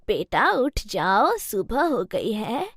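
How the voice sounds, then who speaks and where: A woman voicing a stern but caring old mother-in-law in a cartoon story, talking slowly as she scolds and soothes. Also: on the high side, very animated, a bit bright, a little hiss or hum, pitched below the performer's own voice, full character voice. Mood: stern, gentle. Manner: slow, scolding, then soothing.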